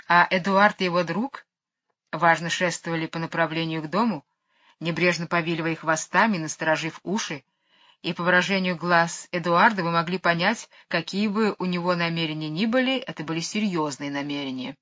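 A woman narrating a children's storybook in a lively, expressive way. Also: lowish voice, fairly quick. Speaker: audiobook reader. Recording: dull lo-fi recording.

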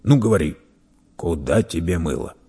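A man voicing a burly red-bearded merchant who scolds and mocks a young thief loudly. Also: deep voice, expressive, normal speed, husky, pitched below the performer's own voice. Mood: mocking. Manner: loud, scolding, teasing.

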